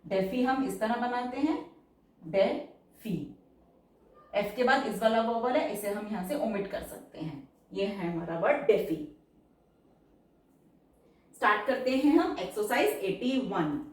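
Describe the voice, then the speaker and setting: A woman teaching shorthand step by step, patiently checking that each word is clear. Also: fairly high pitch, lively intonation, recorded from a distance. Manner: slow, patient, checks understanding. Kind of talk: step-by-step lesson explanation. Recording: echoey room, voice away from mic.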